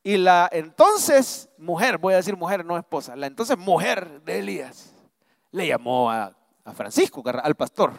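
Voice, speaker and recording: A man's voice: sits high, very animated, moderate pace, vocal fry, no room sound, studio quality. A middle-aged Salvadoran man preaching a live church sermon, telling a family story and building up to fervent proclamation. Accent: Salvadoran Spanish. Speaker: pastor.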